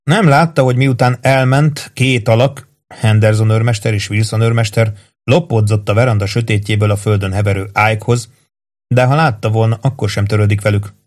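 A man narrating an audiobook in a measured, steady reading voice. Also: fairly low pitch.

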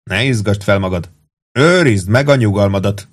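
A man voicing a laid-back, teasing male first sergeant with an easy, calm way of talking. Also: on the low side, natural voice.

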